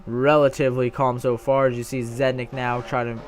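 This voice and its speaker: A young man giving casual play-by-play commentary on a simulated stock car race, rambling and often correcting himself, getting excited when the racing gets close. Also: mid-range voice, brisk.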